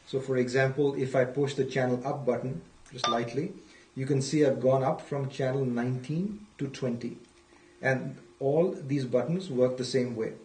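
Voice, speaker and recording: A man with a medium-pitched, slightly mellow voice walks through a product demonstration step by step, methodically instructing and repeating the key points. The mic is distant, leaving a roomy echo.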